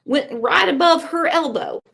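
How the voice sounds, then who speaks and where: A woman with a high, gravelly voice hosts a relaxed live stream without rushing. She reads the chat aloud, firing back with emphatic, profane, animated reactions as her voice wears out.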